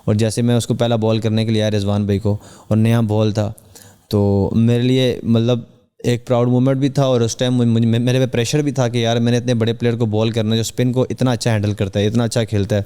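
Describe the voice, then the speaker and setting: A young man from Pakistan, a cricketer guest on a podcast, speaking in an earnest, measured way with hesitant fillers. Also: medium pitch, little pitch movement, warm tone, clear, resonant tone. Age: young adult. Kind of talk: podcast interview.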